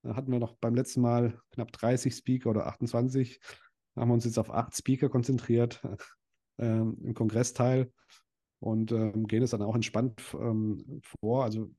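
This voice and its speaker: Speaking at a moderate pace with a flat delivery, this podcast guest has a dark, medium-pitched voice. The young man, who runs a dental practice and organizes events, keeps the interview casual, stumbling through lots of fillers and restarts.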